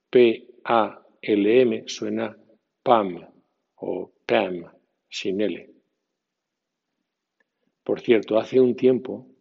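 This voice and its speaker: A man teaching English pronunciation in a recorded lesson, spelling out letters slowly and deliberately. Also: on the low side. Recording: dull lo-fi recording with long reverb.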